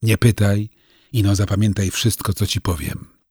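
A man's voice: fairly low pitch, fairly even intonation, moderate pace, darkish tone, slightly rough, no room sound, studio quality. A man voicing a stern old village witch. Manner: curt, scolding, folksy rustic speech.

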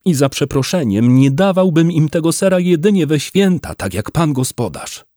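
A man's voice: big pitch swings, normal speed, mellow, no echo, clean studio sound. A man putting on a whining, tearful poor villager. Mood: pleading. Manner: high whining voice, pleading and sobbing.

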